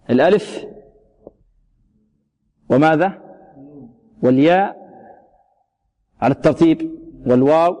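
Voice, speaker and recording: A man teaches the rules of Quran recitation in a voice a little higher than most men's. He poses questions and answers them himself, slowing right down to chant and stretch the example words. A long reverb hangs behind his voice. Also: a little mellow. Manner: asks questions and answers them himself, slow drawn-out demonstrations. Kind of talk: tajwid lesson with recited examples. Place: radio broadcast studio.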